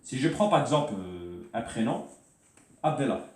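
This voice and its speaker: A man giving an informal Arabic writing lesson, hesitating and repeating words as he spells out sounds slowly. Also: medium pitch, big pitch swings, a little mellow, roomy sound, far from the mic. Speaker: Arabic teacher. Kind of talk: informal spoken lesson at a board.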